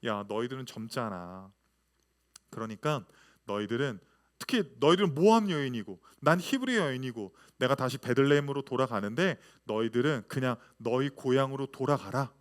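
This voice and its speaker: A woman's voice: medium pitch, very animated, normal speed, fairly bright tone. A male preacher voicing an older widowed mother-in-law who insistently pleads with her daughters-in-law to go home. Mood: pleading.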